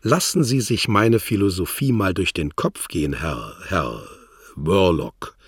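A man voicing a scornful, threatening embassy secretary with a guttural, rasping snarl. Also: low voice, very animated, measured pace, no room sound, studio quality, voice pushed up, full character voice. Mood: dismissive. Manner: mocking, threatening, condescending. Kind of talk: audiobook character voice.

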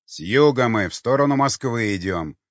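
A man's voice: medium pitch, expressive, moderate pace, no echo, natural voice. A man voicing a weary, blunt expedition leader who talks with sarcastic exasperation. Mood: exasperated. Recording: dull lo-fi dry recording.

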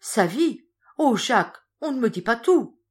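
A woman voices an anxious young wife, sounding emotional and pleading. Her voice is mid-range, expressive and at a moderate pace, pitched a bit above her own natural voice yet still close to an everyday voice.

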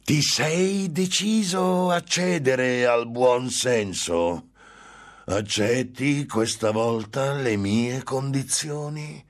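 A man voicing a scornful, menacing male demon tempter in an audiobook reading, slow and drawn out, swelling into shouts. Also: mid-range voice, pitched above the performer's own voice. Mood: coaxing.

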